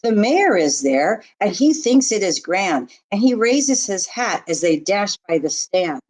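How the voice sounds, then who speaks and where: The reader is a woman of medium pitch, very animated and a little mellow, going through a rhyming picture book. Her delivery suits young listeners, deliberate and expressive like a teacher's storytelling.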